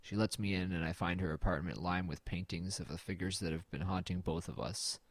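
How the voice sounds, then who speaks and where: A man with a low, fairly even voice plays a weary, haunted narrator recounting his own horror story in a scripted first-person audio drama. His brisk delivery is glum, understated, somber and resigned, recorded without echo.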